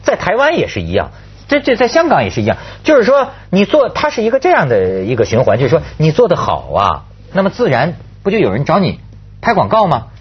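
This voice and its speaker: Animated husky-voiced man hosting a talk show. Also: on the high side, fast, dull audio. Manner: animated, rambling, repeats phrases, asks rhetorical questions. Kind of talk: casual panel chat.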